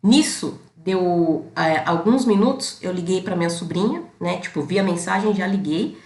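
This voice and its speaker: A woman's voice: fairly low pitch, animated, moderate pace, a little mellow, reverberant. A Brazilian woman hosting her channel, telling a story in casual talk to her viewers and often checking in with them. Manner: chatty storytelling, constant tag questions to the audience. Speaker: self-knowledge channel host.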